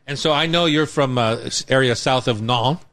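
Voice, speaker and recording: A man's voice: medium pitch, normal speed, fairly bright tone. A man hosting a casual radio cooking show, teasing and easygoing with his guest chef. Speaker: radio host.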